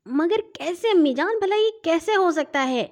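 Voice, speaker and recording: A woman's voice: sits high, big pitch swings. A woman doing an impatient older sister. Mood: irritated.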